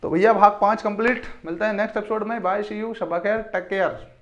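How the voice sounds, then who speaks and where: A man's voice: sits high, steady tone, fairly quick, a bit bright, lo-fi sound, a little hiss or hum. A man teaching a recorded exam-prep lesson. He calls his students his children, repeats each term several times, and quizzes the listener.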